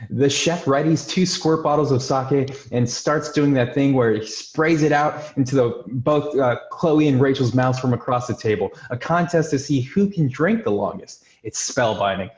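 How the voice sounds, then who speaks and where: Here a man runs a table read, introducing it from a script and narrating the stage directions. His pitch is medium and his pace normal, with few pauses. The audio is lo-fi, roomy, and dull.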